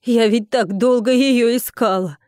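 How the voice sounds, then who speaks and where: A woman narrating a first-person audiobook with lively, wry storytelling. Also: on the high side, a little slow, no room sound, studio quality.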